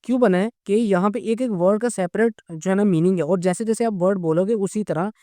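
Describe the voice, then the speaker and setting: High, crisp-voiced man teaching grammar. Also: a little fast, warm tone, no echo, studio quality. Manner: patient, repeats "okay?" often. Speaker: language teacher. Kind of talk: explaining grammar lesson.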